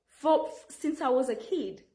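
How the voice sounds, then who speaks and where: This vlogger from Rwanda, speaking with a Rwandan accent, sits high in pitch and sounds expressive, unhurried and mellow in a roomy recording. Her public appeal to camera is earnest and insistent, with many restarted sentences.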